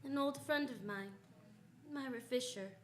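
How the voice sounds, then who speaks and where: A woman plays a confident, wry female private detective in a 1940s old-time radio drama, narrating in first person and acting out scenes in a storytelling mood. Her voice sits high and moves a little slowly.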